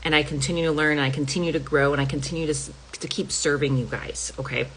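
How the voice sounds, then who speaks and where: Talking fast to camera, a middle-aged woman health coach speaks in a low-pitched, slightly bright voice with fairly even intonation. The recording is rough, with a little hiss or hum. She's casual and emphatic, peppering her talk with "y'all" and "okay?"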